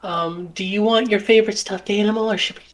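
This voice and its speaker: A man's voice: fairly even intonation, brisk, a bit bright. A man voicing a doting, tearful satyr mother, fussy and motherly, in a raised voice. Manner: fussy, high-pitched and motherly.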